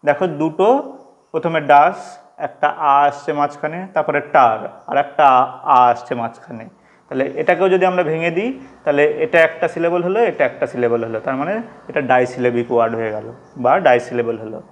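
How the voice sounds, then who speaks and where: A man teaching English, explaining slowly and patiently, repeating and stretching out the example words. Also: medium pitch. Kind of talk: classroom-style explanation.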